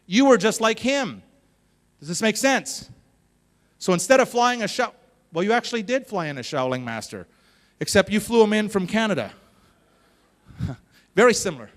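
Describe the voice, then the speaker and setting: A male motivational speaker tells a story on stage and keeps turning to the audience. His voice sits high for a man. It rings with long reverb from a large hall. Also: normal speed, long pauses. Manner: animated, addresses the audience directly.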